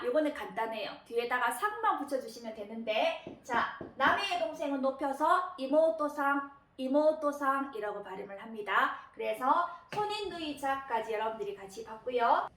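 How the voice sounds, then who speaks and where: A woman teaching Japanese kanji readings, patient, often pausing with fillers and repeating key words slowly. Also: sits high, expressive, bright, forceful tone, a little hiss or hum. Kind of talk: explanatory lesson narration. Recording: roomy echo.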